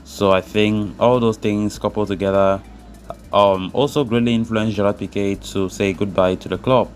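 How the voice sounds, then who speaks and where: A man with a somewhat deep voice presents football news. He narrates stories and quotes from a script and adds commentary of his own. Music plays quietly behind him. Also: fairly even intonation, moderate pace.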